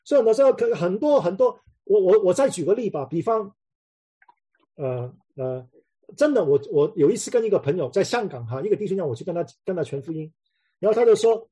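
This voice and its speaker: A man's voice: high voice, animated, fairly quick, mellow, breathy edge. A man preaching in a conversational way, telling anecdotes and often repeating words as he restarts his sentences.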